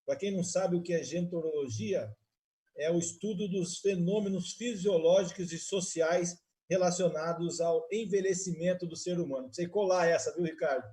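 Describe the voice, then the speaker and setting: Guy hosting a live stream, fairly high voice, chatty, lots of restarts. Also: normal speed, dark tone. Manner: friendly, talks in long runs with restarts. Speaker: host.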